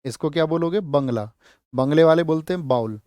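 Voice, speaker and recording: A man's voice: on the high side, a little fast, darkish tone, no room sound, clean studio sound. A man teaching an exam-prep lecture who quizzes his students, answers his own questions and repeats key words so they stick.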